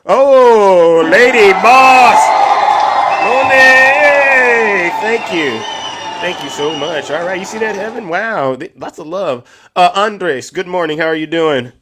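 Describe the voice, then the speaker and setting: A man hosting a live online debate stream, shouting out to viewers and moderating callers. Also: sits high, animated, takes it slowly, a loud crowd, very noisy. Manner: hypes the chat, loud shout-outs.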